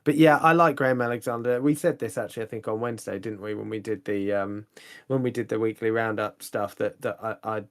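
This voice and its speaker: A man's voice: lowish voice, fairly even intonation, a little fast. A man co-hosting a fan podcast, talking casually and hesitantly with lots of restarts. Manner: hesitant, many fillers and restarts, laughs easily. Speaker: podcast co-host.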